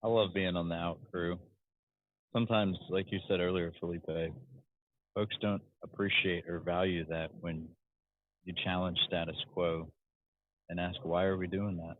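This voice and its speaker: A man speaks reflectively in a casual online chat, often restarting his sentences. His voice is low. It comes through a tinny, phone-like line with a dry sound. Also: steady tone, unhurried, pauses often, no echo. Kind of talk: casual chat on an audio room.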